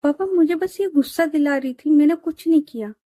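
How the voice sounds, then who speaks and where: A young woman playing the stubborn elder sister in an audio story, as the narrator puts her on. She scolds bluntly in a high, warm voice, dry and close. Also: brisk, no echo, lightly acted. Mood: scolding.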